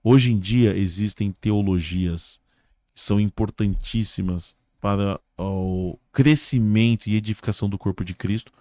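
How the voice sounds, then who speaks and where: A man's voice: lowish voice, measured pace, darkish tone, no room sound, clean studio sound. A man with a Brazilian Portuguese accent, a pastor and guest on a casual religious podcast, who tells stories and acts out the dialogue in a raised voice.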